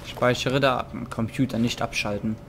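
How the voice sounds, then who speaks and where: A man's voice: medium pitch, fairly even intonation, normal speed, heavy background noise. A man giving casual, slangy gameplay commentary, reacting aloud and repeating short phrases. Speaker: gamer, Let's Play host. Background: game music and sound effects.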